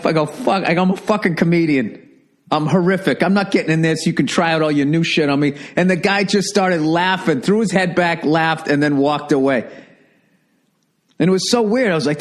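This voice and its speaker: A comedian in his forties hosts a podcast, delivering a casual storytelling monologue in a medium-pitched voice. He's loose, profane and animated, imitating other people's voices as he goes.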